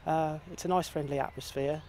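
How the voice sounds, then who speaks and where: A middle-aged man, a farm volunteer, answering interview questions outdoors in a quiet, hesitant way with many pauses. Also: a little high, fairly even intonation, vocal fry, slight background noise. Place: outdoor field.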